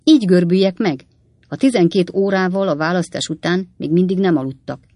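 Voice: mid-range voice, mellow, no room sound, natural voice. A reader voicing Sam Weller, a witty, worldly young manservant who tells tall tales offhandedly, in a dry audiobook reading. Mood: wry, lively. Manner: wry, storytelling, offhand.

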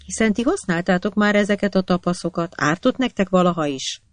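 An earnest young woman doctor, put on by a storyteller, pleads with her patients. Her voice sits in a middling range and sounds dry and close. She talks with steady, insistent devotion. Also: medium pitch, no room sound, natural voice. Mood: pleading. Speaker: hospital doctor.

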